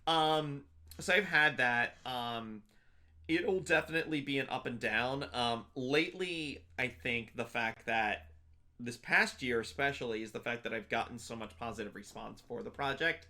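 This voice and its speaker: A man's voice: medium pitch, normal speed, bright, forceful tone. A young man chatting as an interview guest, rambling with lots of fillers and restarts. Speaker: interview guest, convention panelist. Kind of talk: casual interview chat.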